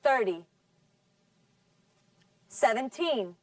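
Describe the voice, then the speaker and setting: A woman teaching an English class, speaking slowly and carefully enunciating so students can follow. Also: fairly high pitch, lively intonation, recorded from a distance. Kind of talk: scripted language lesson.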